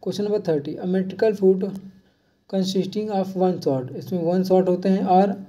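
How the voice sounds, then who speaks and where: A teacher leading an exam-prep lesson, reading each question slowly and repeating key terms. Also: medium pitch, mellow, distant mic. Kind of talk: exam-prep lesson, mixing Hindi and English. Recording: dull lo-fi sound from off-mic.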